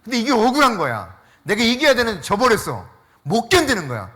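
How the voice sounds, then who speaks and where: A man preaching a sermon as pastor, telling stories in an animated way with frequent laughter and dropping to a hushed voice for emphasis. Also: fairly quick. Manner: drops to a hushed low voice for emphasis.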